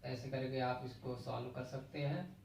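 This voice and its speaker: A man's voice: medium pitch, fairly even intonation, moderate pace, gravelly, a little mellow, a little hiss or hum. A man with a Hindi accent from the Agra region teaching a math lesson in a classroom, explaining step by step and counting digits aloud. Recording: very echoey, distant, dull lo-fi room sound.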